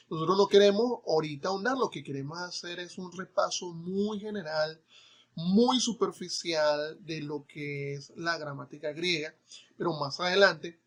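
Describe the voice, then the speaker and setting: A man teaching an online Greek class, talking directly to the student and checking in with a friendly "ok?". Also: fairly high pitch. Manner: conversational, often checks in with "¿ok?"; speaks directly to the student, with fillers and restarts. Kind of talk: casual online lecture.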